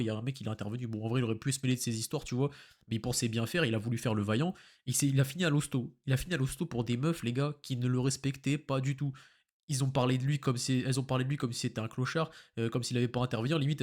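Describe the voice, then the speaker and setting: Fast-rambling young French man. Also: medium pitch, a little mellow. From France. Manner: rapid slangy rambling, many fillers. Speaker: content creator. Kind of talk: casual monologue to camera.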